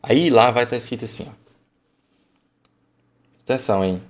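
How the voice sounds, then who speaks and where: A man's voice: medium pitch, normal speed. A man teaching an online lesson, emphatic and colloquial, thinking aloud as he explains.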